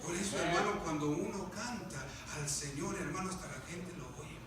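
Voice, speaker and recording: A man preaching a sermon as pastor, moving from quiet asides to loud, fervent outbursts and calling listeners "brother" again and again. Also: high-pitched, normal speed, a crowd in the background. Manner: addresses listeners as "hermano" constantly. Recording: echoey church room, mic far away, background noise.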